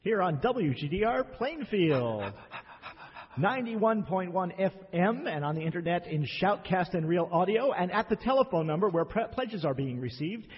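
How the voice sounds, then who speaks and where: A man's voice: high-pitched, lively intonation, normal speed. Chatty radio host man, echoey. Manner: chatty, laughs often. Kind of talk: radio interview. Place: guest's home in Amsterdam. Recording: echoey, dull lo-fi, faint hiss.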